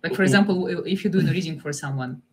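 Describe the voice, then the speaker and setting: A woman's voice: lowish voice, rapid-fire, a little mellow, slight background noise. A woman hosting a live-stream interview, asking curious questions. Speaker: host.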